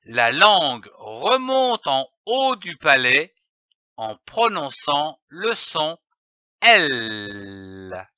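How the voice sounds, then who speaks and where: A man teaching young children to read, sounding out each letter and syllable with slow, deliberate enunciation and patient repetition. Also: a little high, big pitch swings, bright, forceful tone, no room sound, lo-fi sound. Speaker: reading teacher. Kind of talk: reading lesson for young children.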